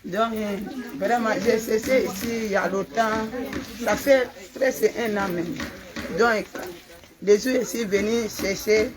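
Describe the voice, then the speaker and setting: A woman's voice: medium pitch, measured pace, crowd noise. A woman giving a simple, earnest church testimony. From Ivory Coast. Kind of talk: spoken testimony. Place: church gathering.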